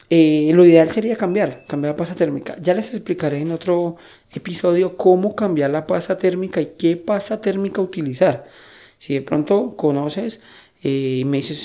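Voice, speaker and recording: A man with a fairly high pitch and a warm tone hosts a tech tutorial on maintaining computers. He explains each step casually and regularly checks that listeners are with him.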